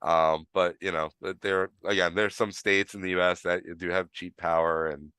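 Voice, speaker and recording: A man's voice: sits low, fairly even intonation, moderate pace, sharp tone, smooth, no echo, clean studio sound. A man with a New York accent, tinged with Florida, hosting a live stream and explaining things in a rambling, casual way full of fillers and restarts. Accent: New York, with some Florida.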